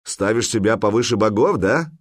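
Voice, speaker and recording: A man's voice: on the low side, animated, normal speed, no echo. A male narrator voicing a fearless Viking warrior who challenges a rival with scorn. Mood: scornful.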